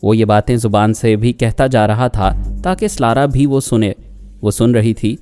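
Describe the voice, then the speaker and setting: A man narrating a story in a measured, scripted audiobook style over faint music. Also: medium pitch, dark tone. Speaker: voice artist narrator. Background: faint background music.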